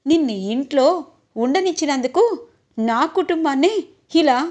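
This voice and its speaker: A domineering, furious matriarch of a wealthy household, voiced by a woman narrator. She scolds loudly in a high voice, each line sharp with contempt. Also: expressive, moderate pace. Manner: scolding, loud.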